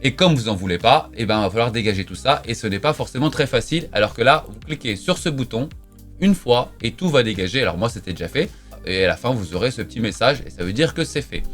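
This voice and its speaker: A man's voice: medium pitch, lively intonation, fast, a bit bright, faint music behind. A man giving a casual screen-recorded tech tutorial, chatty and emphatic, with frequent filler words like "voilà" and "donc". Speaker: tech youtuber.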